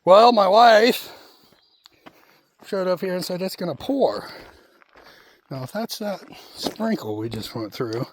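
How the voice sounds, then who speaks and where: A man's voice: fairly high pitch, very animated, unhurried, long pauses, darkish tone. A man, talking casually and bluntly as he walks his homestead, a little out of breath. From Kentucky. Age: 40s. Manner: rambling, folksy, blunt. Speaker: homesteading vlogger. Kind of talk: casual vlog monologue while walking. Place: outdoors on a homestead.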